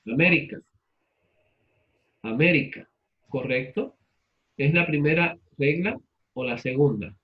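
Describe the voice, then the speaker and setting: A man's voice: on the high side, slow pace, long pauses, highs cut off, slight background noise. A man teaching a class, repeating students' answers and asking them questions in turn. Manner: patient, repeats answers back and asks questions.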